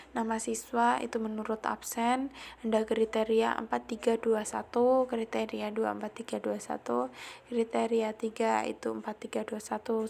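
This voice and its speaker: A woman from Indonesia, a student teacher, explains the grading rubrics of her lesson plan aloud, walking through each item step by step. She often repeats phrases and restarts words. Her voice is fairly high, creaky, and darkish, with faint music in the background.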